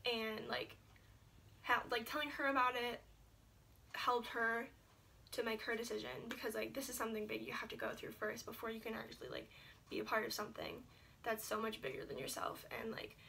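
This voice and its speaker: Chatty young woman with a gravelly voice. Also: on the high side, a little fast, bright, forceful tone, a little hiss or hum. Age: young adult. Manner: chatty, lots of "like" and filler. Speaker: vlogger. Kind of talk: casual sit-down story to camera. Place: indoors at home, seated. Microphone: camera set a little far away.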